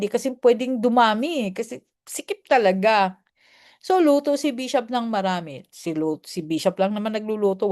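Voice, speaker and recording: A woman's voice: fairly high pitch, a little mellow. A woman pastor telling homely stories in a casual sermon. She is chatty, laughs often and slips in English phrases.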